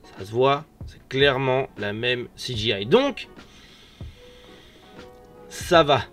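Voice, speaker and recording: A man with a mid-pitched voice hosts a casual news rundown over background music. He has a noticeable lisp with slushy s sounds, as his sore, swollen mouth makes articulation effortful. His delivery is informal, slangy and full of personal opinion. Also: fairly bright tone. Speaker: host of a manga and anime news show. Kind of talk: casual news commentary to online viewers. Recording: music behind the voice.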